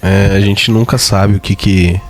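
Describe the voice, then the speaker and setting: A man's voice: fairly low pitch, fairly even intonation, unhurried, faint music behind. A man with a Brazilian accent hosting a podcast, speaking in a reflective and affirming way. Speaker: podcast host. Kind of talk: casual podcast chat.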